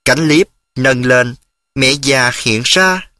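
Expressive male storyteller, bright voice. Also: slow, no room sound, clean studio sound. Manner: expressive, rising pitch on emotional phrases. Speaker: narrator. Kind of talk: scripted story narration.

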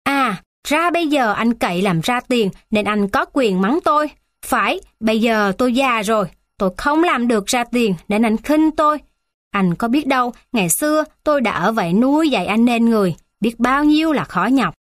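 A woman's voice: on the high side, animated, moderate pace, no room sound, clean studio sound, close to an everyday voice. A woman voicing a wounded, indignant old grandmother. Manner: plaintive, indignant pleading. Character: aggrieved elderly grandmother, proud and wounded.

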